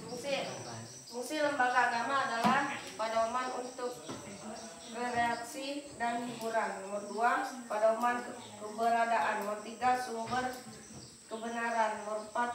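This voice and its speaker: A female student reading her group's numbered list aloud, halting at times. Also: on the high side, little pitch movement, crowd noise. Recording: very echoey room, distant, noisy.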